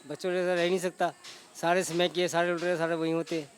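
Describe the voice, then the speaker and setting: A resident man talking with a reporter outside in a high voice. He speaks plainly and rambles from one complaint to the next, with faint noise around him. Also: level tone, fast. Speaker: local resident. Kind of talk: street interview. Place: outdoors at a demolition site.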